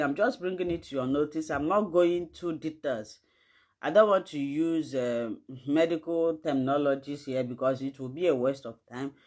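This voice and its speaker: A woman with a deep, darkish voice and a West African, Nigerian accent teaches health online during an informal livestream. She speaks to viewers directly and emphatically, posing rhetorical questions.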